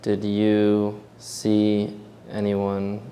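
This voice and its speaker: Male interviewer, low voice, hesitant prompts, long reverb, faint noise. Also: completely flat delivery, drawn-out words, dark tone. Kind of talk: interview questions.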